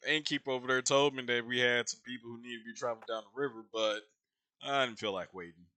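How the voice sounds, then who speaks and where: A man's voice: medium pitch, fast, sharp tone, smooth, dry recording, close to an everyday voice. A man voicing a folksy, joking old dwarf boatman in a tabletop game. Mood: teasing. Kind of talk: tabletop game role-play.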